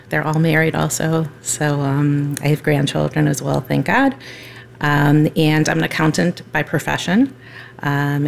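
A woman's voice: deep voice, vocal fry, slight background noise. A woman in her fifties, a mayor on a discussion panel, speaking steadily with frequent ums. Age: 50s. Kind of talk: casual discussion.

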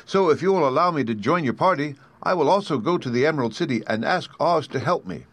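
A man voicing a polite, grateful rusted tin man, with a slow, stiff, pleading delivery. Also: on the high side, animated, fairly bright tone, breathy edge, no echo, voice pushed up.

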